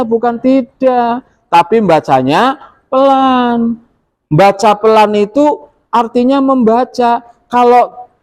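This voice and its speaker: A man's voice: high-pitched, a little mellow. A middle-aged man teaching pupils how to pray, explaining step by step and asking them questions. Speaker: religious teacher. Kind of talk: classroom prayer instruction. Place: school classroom.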